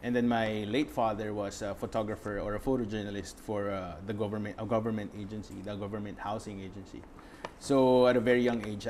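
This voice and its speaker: Thoughtful young man, lowish voice. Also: darkish tone, a little hiss or hum. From Philippines. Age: young adult. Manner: reflective, searching for words with many fillers. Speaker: guest photographer. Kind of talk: interview answers.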